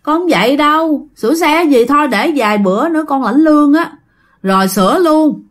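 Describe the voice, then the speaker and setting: Ghost story bit: woman playing a stubborn, half-asleep daughter, whiny and pleading, pitched high. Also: expressive, moderate pace. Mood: sleepy refusing. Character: sleepy stubborn young daughter refusing to get up.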